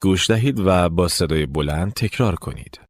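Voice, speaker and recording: A man narrating a language lesson, giving clear step-by-step instructions. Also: low-pitched, animated, dry recording, studio quality. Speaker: language teacher.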